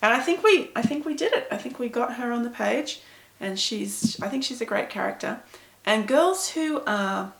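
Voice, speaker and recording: A woman's voice: a little high, expressive, moderate pace, vocal fry, echoey room. A middle-aged woman, chatting to camera as an author answering reader questions in a self-deprecating, storytelling way. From Pakistan. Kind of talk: casual talk to camera.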